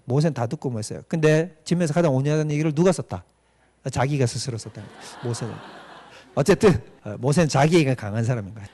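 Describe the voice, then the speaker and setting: A man's voice: on the high side, darkish tone. A man, a pastor, giving a doctrine lecture and retelling a story with questions to the audience.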